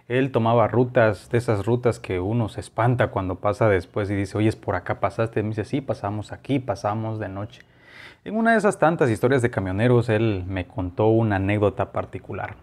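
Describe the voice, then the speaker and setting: A man's voice: mid-range voice, a little mellow. A man preaching a sermon in a conversational way, telling a personal anecdote with frequent fillers.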